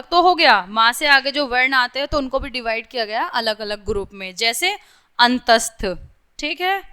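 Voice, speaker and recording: A young woman teacher explaining lessons to small children, slowly sounding out letters and checking again and again that they follow, with English words mixed into her Hindi. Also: high voice, sharp tone.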